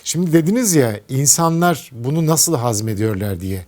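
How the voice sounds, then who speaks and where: A man's voice: mid-range voice, animated, normal speed, warm tone. A man with a Turkish accent interviewing a guest, asking earnest, probing questions about politics.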